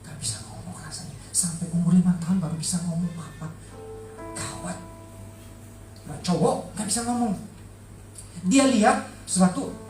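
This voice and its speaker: A middle-aged man delivers an emotional church testimony, pressing hard on repeated words. He sounds a little distant from the microphone in a large, reverberant hall, with soft music faintly underneath. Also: high voice, moderate pace, long pauses. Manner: heartfelt, emphatic, repeats words for stress. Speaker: church speaker giving a testimony.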